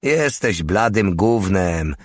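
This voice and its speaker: A man's voice: deep voice, lively intonation, takes it slowly, dry recording, clean studio sound. A man reading a crude, mocking male soldier with a scornful, sneering manner.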